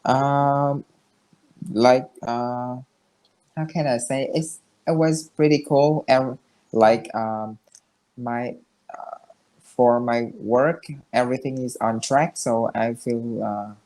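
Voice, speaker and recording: A young man from Vietnam speaking English with a Vietnamese accent, halting with many fillers and restarts as he vlogs his study progress. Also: medium pitch, fairly even intonation, darkish tone. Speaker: English learner vlogging daily progress. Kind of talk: casual self-recorded vlog and video call lesson.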